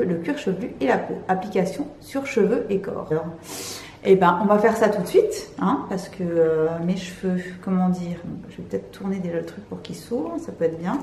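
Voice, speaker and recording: Chatty excitable French woman vlogger. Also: mid-range voice, moderate pace, roomy sound, a little hiss or hum. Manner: chatty and excitable, many fillers. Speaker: beauty vlogger. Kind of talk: casual product unboxing chat. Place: room at home, cats nearby.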